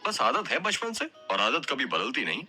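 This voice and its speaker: A man's voice: mid-range voice, wildly swooping pitch, moderate pace, pushed and bright, soft background music, voice pushed up, heavily acted. A man playing a young man in an audio story, explaining things in a playful, easy way. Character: young man, fond of tea, relaxed.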